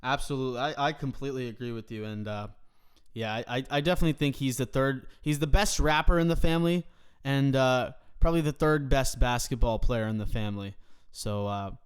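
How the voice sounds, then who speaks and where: A man hosting a sports podcast, talking with mock-grand, deadpan bravado. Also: medium pitch, a little fast, smooth. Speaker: podcast host. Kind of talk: casual sports podcast banter.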